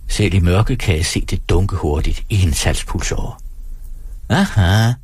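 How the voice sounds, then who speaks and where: A man narrating a story in a calm, dry manner. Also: sits low, slightly rough, dry recording. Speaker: audiobook narrator. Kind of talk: scripted narration.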